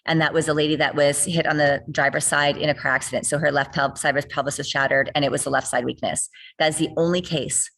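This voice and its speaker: A woman's voice: low-pitched, steady tone, fast talker, gravelly, few pauses, fairly bright tone. A middle-aged woman fitness trainer on a video call, explaining rehab ideas earnestly and repeating key points for emphasis. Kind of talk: explanatory interview talk.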